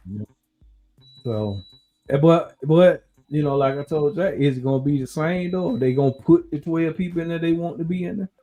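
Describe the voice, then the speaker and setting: A man's voice: fairly high pitch, normal speed, faint music behind. Rambling man chatting casually. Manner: relaxed, rambling, talks through his uncertainty. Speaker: podcast host. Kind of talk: casual chat.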